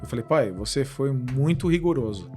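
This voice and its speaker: A man's voice: mid-range voice, animated, normal speed, a little mellow, faint music behind. A man hosting a podcast, chatting casually and sharing his opinions at length. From Brazil. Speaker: podcast host.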